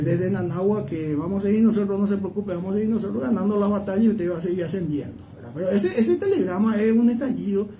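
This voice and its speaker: A high, dark-toned male voice with a Paraguayan accent delivers conversational history commentary as a guest, straying into digressions and often checking agreement with tag questions. It's captured on a distant, noisy microphone.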